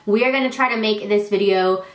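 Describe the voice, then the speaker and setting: Indoors in her living room, a woman in her thirties talks to camera about the products she sells as a vlogger and consultant. Congested from allergies, she's chatty, self-deprecating, and warm toward her child. Her medium-pitched voice moves fairly quickly and sounds reverberant.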